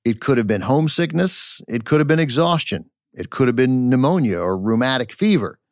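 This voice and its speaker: A man's voice: mid-range voice, animated, a little fast, dry recording, studio quality. A man hosting and narrating a scripted audio documentary. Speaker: podcast host and narrator. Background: faint music.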